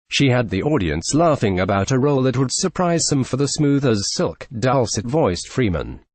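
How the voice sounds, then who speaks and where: A man narrating a scripted entertainment news report in a steady, even read. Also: medium pitch, no echo.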